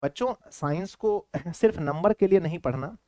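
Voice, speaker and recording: A man's voice: a little high, animated, normal speed, warm tone, dry recording, clean studio sound. A man with a Bihari Hindi accent teaching a class, repeating himself and quizzing his students. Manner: repetitive, keeps quizzing students. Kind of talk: classroom lecture.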